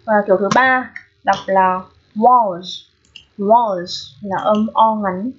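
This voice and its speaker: A woman teaching an English pronunciation lesson. She explains patiently and keeps checking in with her students through quick questions. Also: mid-range voice. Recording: dull lo-fi recording.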